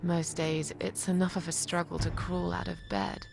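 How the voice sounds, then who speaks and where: Depressed lonely female game character, gravelly fry, lowish pitch, weary and self-loathing, music behind. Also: level tone, normal speed, noisy background. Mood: despairing. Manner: bleak, weary. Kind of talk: video game voice acting.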